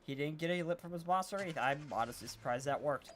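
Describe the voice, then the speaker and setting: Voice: medium pitch, fast talker, slight background noise. A streamer giving casual, wry gameplay commentary and talking back to the game.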